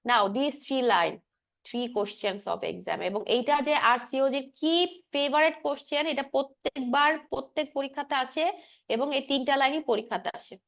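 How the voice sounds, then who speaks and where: A woman's voice: high-pitched, normal speed, creaky, fairly bright tone. A woman giving an exam-prep biology lecture, drilling key points and often checking that students follow. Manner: drills points with frequent checks, mixing English terms. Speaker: biology teacher.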